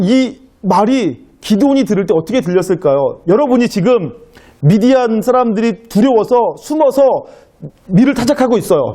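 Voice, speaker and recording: A man's voice: very high voice, dark tone. A man preaching a sermon as pastor, asking the congregation rhetorical questions and acting out biblical dialogue. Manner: acts out biblical dialogue in quotes.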